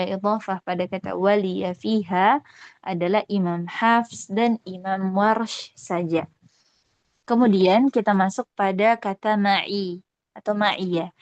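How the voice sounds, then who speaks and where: A woman presenting part of a recitation lesson to her fellow teachers, explaining readings slowly and politely. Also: medium pitch, no room sound, dull audio. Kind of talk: student presentation.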